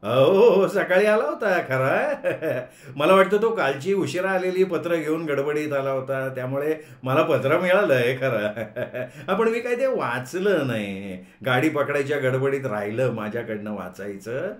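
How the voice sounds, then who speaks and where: A man's voice: mid-range voice, lively intonation, unhurried, lightly acted. A man voicing a flustered man who fumbles and chuckles nervously while bluffing, in an echoey room.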